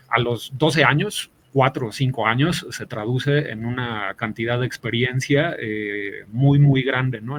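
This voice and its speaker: A man in his forties with a Mexican accent, a podcast guest telling long stories with many fillers. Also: medium pitch. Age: 40s. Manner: rambling storyteller, many fillers. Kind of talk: podcast interview.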